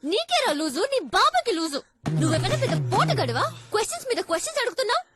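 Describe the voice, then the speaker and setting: Sharp-tongued young woman, Telugu accent, very high voice, rapid. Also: sing-song, over loud music. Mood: furious. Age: 20s. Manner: angry, scolding, rapid. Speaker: film heroine.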